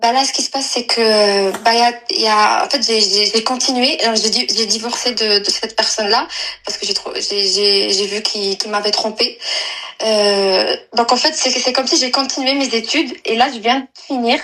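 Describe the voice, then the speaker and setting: A woman in her twenties from Algeria, calling in to tell a personal story, halting and full of fillers and restarts. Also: a little high, fairly even intonation, pushed and bright, rough recording. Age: 20s. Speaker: caller. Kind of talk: personal confession on a live call.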